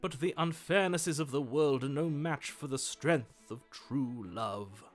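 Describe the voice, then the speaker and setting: An actor playing dramatic inner voices in a video game, theatrical and emphatic, as narrator and companion. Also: male voice, on the high side, a little slow, soft background music, lightly acted. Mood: lovestruck, grand. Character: dramatic male inner voices: stern narrator, lovestruck romantic.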